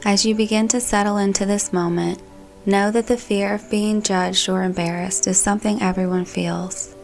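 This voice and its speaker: Speaking gently at a moderate pace, a woman with a medium-pitched, gravelly voice reads prepared narration for a guided meditation. Her delivery is calm and soothing, with music playing faintly behind her.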